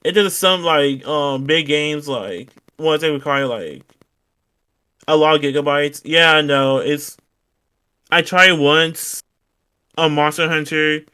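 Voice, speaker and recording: Bright-voiced young man, filler-heavy chat. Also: fairly high pitch, slow, smooth. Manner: chatty, lots of "like" fillers. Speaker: guest streamer. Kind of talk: casual interview.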